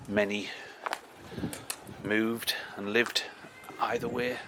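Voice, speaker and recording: A man's voice: fairly low pitch, level tone, slow. A middle-aged man walking a churchyard for his history vlog, talking with enthusiasm and reading old inscriptions aloud. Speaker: history vlogger. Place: outdoor churchyard. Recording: noisy outdoor recording with birds.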